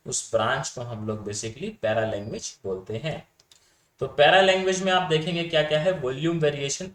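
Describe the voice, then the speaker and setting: Chatty male lecturer in an echoey room. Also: medium pitch. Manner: chatty, addresses students as "sir", checks understanding often. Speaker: teacher. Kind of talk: Hindi-English lecture on communication theory.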